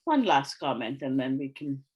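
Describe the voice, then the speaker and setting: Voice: mid-range voice, very animated, moderate pace, breathy edge, highs cut off. A facilitator from Sri Lanka leading an online workshop discussion over a video call, speaking thoughtfully with frequent fillers and restarts.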